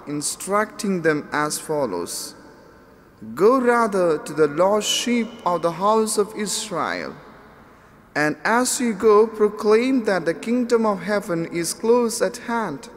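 High-voiced priest with cathedral echo. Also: male voice, lively intonation. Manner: solemn, measured proclamation. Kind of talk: liturgical gospel reading. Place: large church. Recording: long church reverb.

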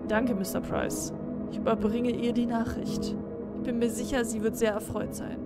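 A woman's voice: on the high side, steady tone, moderate pace, over loud music, natural voice. A woman voicing a formal, polite man calling from a nursing home in a game reading.

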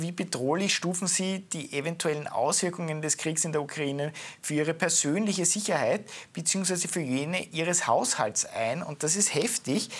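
Husky-voiced TV host reading poll figures. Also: medium pitch. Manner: reads out figures crisply, then poses questions to the guest. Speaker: TV host presenting poll results. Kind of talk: presenting figures on TV. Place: TV studio.

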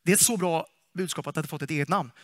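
Male preacher, high bright voice, lively and playful, dry close sound. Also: no room sound. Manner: lively, playful, asks the congregation questions. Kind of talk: sermon. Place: church.

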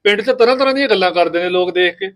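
Man as a fast-talking husband caught in the middle. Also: sits high, a bit bright. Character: village husband caught between wife and sister. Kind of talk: family skit acting.

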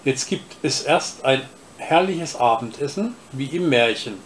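A haughty little porcelain cat from a storybook speaks down to the boy who owns her, voiced by a man reading aloud. Her delivery is slow and unhurried, with a plain middle pitch lifted now and then. The tone stays prim and superior. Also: lively intonation, slight background noise, close to an everyday voice.

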